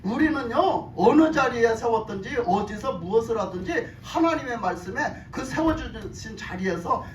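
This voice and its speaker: A woman's voice: fairly high pitch, animated, normal speed, few pauses. A woman pastor preaches in a church, retelling a story with repeated phrases and questions to the congregation. Her voice echoes around a roomy hall. It is picked up from a distance with a faint hiss behind it. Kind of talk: sermon. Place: church sanctuary.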